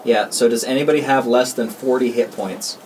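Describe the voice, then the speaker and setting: A man's voice: medium pitch, fairly quick. A man narrating a tabletop game as its game master, giving easygoing rulings. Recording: noisy recording.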